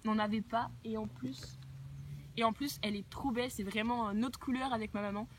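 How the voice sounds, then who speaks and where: A woman's voice: a little high, steady tone, brisk. A young woman chatting casually and enthusiastically while unboxing outdoors near horses, with plenty of fillers. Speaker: equestrian vlogger. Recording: noisy outdoor ambience.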